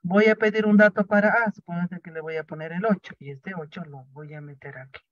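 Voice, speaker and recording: A man's voice: high-pitched, steady tone, brisk, fairly bright tone, no room sound. A man teaching programming in a lecture, explaining each step and answering his own questions. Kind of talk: classroom lecture. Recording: dry, dull lo-fi sound.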